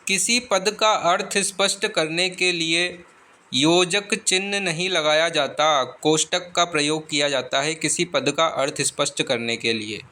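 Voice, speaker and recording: A man's voice: on the high side, bright, forceful tone. A man working as an exam tutor, reading out grammar questions and their answers. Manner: slow, deliberate reading of options.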